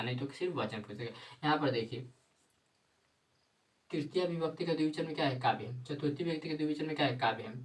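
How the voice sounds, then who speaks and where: A man's voice: medium pitch, recorded from a distance, rough recording. Male teacher drilling grammar. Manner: repetitive, drilling with rhetorical questions. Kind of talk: classroom-style video lesson, reciting word forms.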